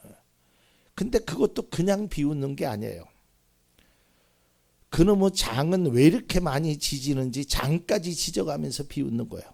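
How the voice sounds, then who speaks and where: A man preaching a sermon as pastor. He shifts from hushed whispers to loud, emphatic cries and keeps asking the congregation questions. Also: fairly high pitch, animated, moderate pace, gravelly, pauses often.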